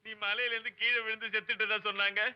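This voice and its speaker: A man's voice: high voice, level tone, fast talker, clear, resonant tone, lo-fi sound, close to an everyday voice. A man playing a fussy, affectionate old household servant in a film. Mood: fond.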